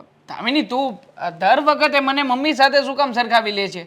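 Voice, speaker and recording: A man acting as a husband caught between his wife and his mother, speaking in a calm, placating way. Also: extremely high pitch, normal speed, full character voice.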